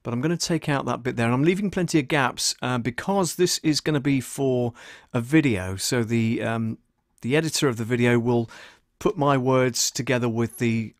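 A middle-aged British man, a voice-over artist and audio producer, hosts a casual screen-share tutorial on a livestream, hesitating as he thinks aloud while he works. His voice is mid-range, and the clean studio sound has no room tone.

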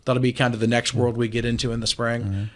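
A man in his forties, an appliance store owner, talking briskly and confidently as a guest on a radio show over a video call. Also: medium pitch, level tone. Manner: brisk, confident business talk. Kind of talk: casual radio talk interview. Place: small room, indoors, remote video call. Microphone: studio mic with headphones.

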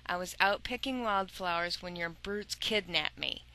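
A woman's voice: lowish voice, normal speed, bright, forceful tone, smooth, rough recording. A woman reading an audiobook, voicing a defiant young woman held prisoner. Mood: pleading. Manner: defiant, then pleading through tears.

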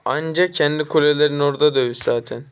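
A man's voice: a little high, fast, clear, resonant tone. Young man taunting while gaming. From Turkey. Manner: taunting, trash-talking the enemy; excitable, jumps up when chasing. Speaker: mobile game streamer. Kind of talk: live gameplay commentary.

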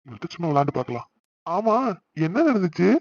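A man's voice: on the high side, lively intonation, fast, a little mellow, no room sound. A man voicing a playful, teasing young husband in a cartoon. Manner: playful, mock-innocent. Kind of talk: cartoon voice acting. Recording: slightly dull lo-fi sound.

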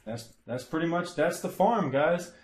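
A man's voice: a little high, unhurried, slight background noise. Laid-back man giving a game guide. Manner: relaxed, rambling, many fillers. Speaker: streamer explaining a gold farm. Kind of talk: casual game guide commentary. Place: home room, indoors. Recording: echoey room.

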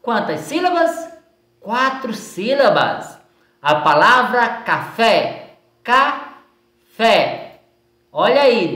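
Woman, Brazilian accent, teacher reviewing homework; slow, animated delivery, roomy echo. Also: medium pitch. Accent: Brazilian Portuguese. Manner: slow and patient, stretching words out syllable by syllable. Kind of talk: recorded lesson going over exercises. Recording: echoey room sound.

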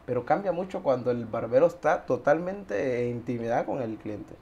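A man's voice: medium pitch, normal speed, highs cut off. Young Honduran man, easygoing chat. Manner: relaxed, says "brother" and "¿sabes?" often. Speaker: guest barber. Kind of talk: casual interview chat. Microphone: lapel mic.

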